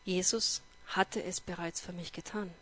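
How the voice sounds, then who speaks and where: A woman telling her personal faith testimony in a lively way, acting out dialogue and turning earnest and emotional when she reflects. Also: on the low side, a little slow, breathy edge. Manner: lively storytelling that acts out dialogue.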